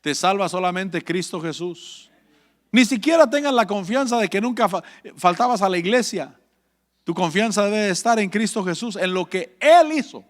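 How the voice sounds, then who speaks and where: High-voiced fervent male preacher. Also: animated, moderate pace. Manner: fervent, repetitive preaching with call-and-response. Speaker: pastor. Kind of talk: sermon.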